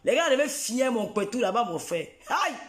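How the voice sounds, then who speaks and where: A man's voice: very high voice, very animated, a little fast, a bit bright, roomy sound. Taunting man in his forties. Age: 40s. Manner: taunting, repetitive, mocking. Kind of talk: ranting live video.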